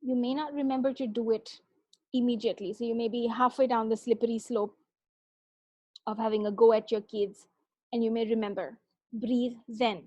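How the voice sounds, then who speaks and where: A woman working as a parenting coach, giving a conversational talk on calming down, and she often asks "right?" as she goes. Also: fairly high pitch, moderate pace, dry recording, lo-fi sound. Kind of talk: talk on self-regulation.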